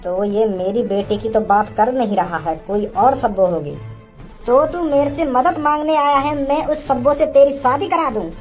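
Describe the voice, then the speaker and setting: A woman's voice: fairly high pitch, normal speed, darkish tone, faint music behind, natural voice. A woman voicing a stern middle-aged cartoon father who scolds and bosses the young men around. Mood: bossy. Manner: scolding, bossy. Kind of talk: cartoon comedy dubbing.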